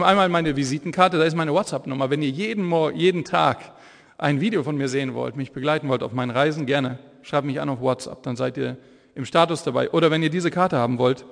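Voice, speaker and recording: Fervent high-voiced man preaching. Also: creaky. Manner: fervent, excitable, lively storytelling. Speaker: evangelist preacher. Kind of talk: energetic sermon with Bible storytelling. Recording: echoey hall reverb.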